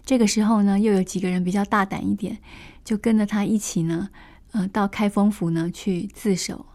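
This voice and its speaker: A woman's voice: medium pitch, steady tone, moderate pace, darkish tone. A woman storyteller retelling a classic novel in a chatty way, with many fillers and asides.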